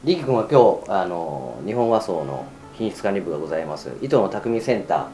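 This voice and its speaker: A deep-voiced man interviews someone in a polite, measured register, dotted with filler words. His pitch rises and falls in a lively way while he talks very fast. Music plays clearly under him. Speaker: company executive interviewing an intern.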